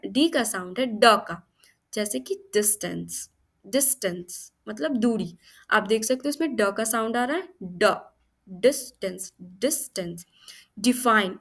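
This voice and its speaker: A young woman teaching English phonics, slowly repeating each word and explaining its meaning. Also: a little high, a bit bright. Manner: slow, repeats each word several times, gives meanings.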